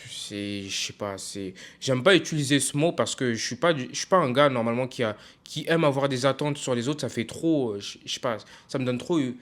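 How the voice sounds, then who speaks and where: A young man from France ranting casually in a video, frustrated and emphatic, halting often with fillers and restarts. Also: medium pitch. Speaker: football vlogger.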